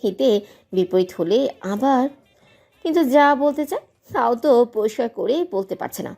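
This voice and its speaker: A woman's voice: on the high side, moderate pace, gravelly, faint music behind. A woman narrating a dramatic audio love story with emotive delivery. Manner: emotive, expressive.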